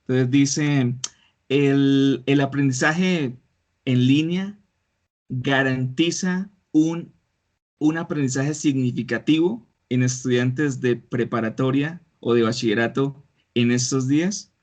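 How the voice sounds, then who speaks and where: A man leads an online English lesson over a video call, correcting a student's pronunciation. He coaches in a mix of Spanish and English, at an ordinary pitch. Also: slow pace, a little mellow. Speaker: English teacher. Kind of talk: online English class feedback.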